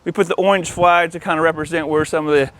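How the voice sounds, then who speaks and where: This man talks fast in a steady, slightly bright voice. He hosts an installer's video channel and is out in a yard giving a casual hands-on walkthrough, explaining things informally as he works. Outdoor noise and an ambient rumble run through the recording.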